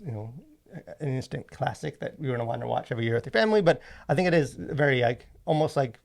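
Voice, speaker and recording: A podcast host and movie reviewer talks fast in a medium-pitched, creaky voice. He's casual, rambling and enthusiastic, and he says "like" constantly.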